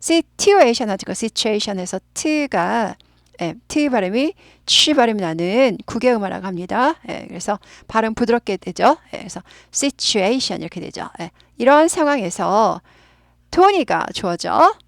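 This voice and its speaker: A woman gives an English grammar lesson in Korean, slowing down and drawing out the key words as she explains. Her voice sits at a middle pitch and sounds close and dry, with no room around it. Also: animated, gravelly, dry recording. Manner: patient, stretches out key words, often says 예 and 네. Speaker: English teacher.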